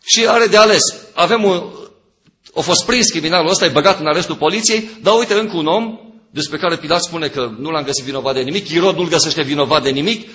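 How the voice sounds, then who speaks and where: A man preaching a sermon, walking through a Bible passage verse by verse and swinging from loud emphasis to low, quiet remarks.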